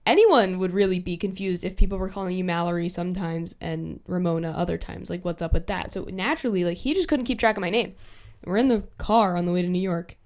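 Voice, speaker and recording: A woman's voice: on the low side, a little mellow. Chatty young woman telling a story. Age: young adult. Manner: chatty, heavy use of "like" fillers, quick asides and self-corrections. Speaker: podcast host. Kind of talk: casual solo storytime chat.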